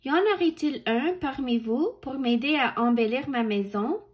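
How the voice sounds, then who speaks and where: A woman's voice: sits high, normal speed, natural voice. Woman reading as a polite little hermit crab. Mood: admiring. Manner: courteous, admiring questions. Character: polite male hermit crab seeking friends.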